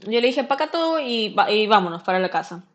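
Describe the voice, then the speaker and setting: Young woman guest chatting casually, kinda high voice, acts out all the voices in her story. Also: quick pace. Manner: lively, acts out the dialogue of others. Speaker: podcast guest, first-time mother.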